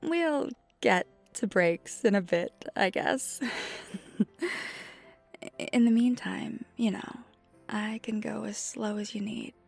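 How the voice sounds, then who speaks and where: A woman with a mid-range, exaggerated voice plays a breathy, unhurried, flirty female vampire who teaches ice skating. It's one side of an ASMR roleplay, soft and wistful, gently reassuring and often near-whispered, with music underneath.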